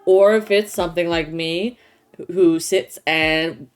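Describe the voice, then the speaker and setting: A woman's voice: on the low side, steady tone, slow pace, clear, resonant tone. A woman co-hosting a casual chat show, explaining things informally as she thinks aloud. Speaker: podcast co-host.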